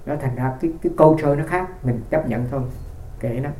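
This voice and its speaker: A man's voice: mid-range voice, fairly quick, warm tone, echoey room. A man who is a Buddhist monk gives a conversational dharma talk. He tells stories in a rambling way and often restarts his phrases. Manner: rambling storytelling with frequent restarts.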